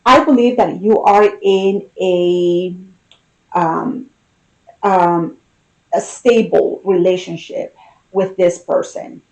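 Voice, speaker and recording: A woman giving an unscripted, intimate tarot reading, pausing and thinking aloud as she talks to the listener. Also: on the low side, fairly even intonation, a little mellow, dull audio. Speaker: tarot reader.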